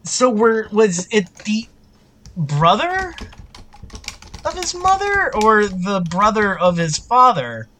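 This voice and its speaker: Podcast co-host, bright sharp voice, slangy and jokey, keyboard typing behind. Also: medium pitch, huge pitch swings, slow, slight background noise. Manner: laid-back, slangy, jokey. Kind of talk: casual chat.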